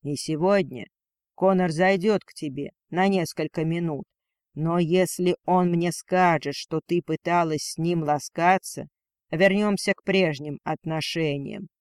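Narrator doing a domineering dragon lord, slow contemptuous lines, dry sound. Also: male voice, on the high side, smooth, no room sound, lightly acted. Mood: scheming. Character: cold cruel male dragon lord, domineering.

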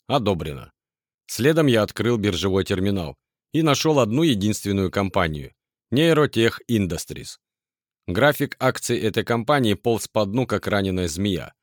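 Deep-voiced man narrating a story. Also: no echo, clean studio sound. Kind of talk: first-person audiobook narration.

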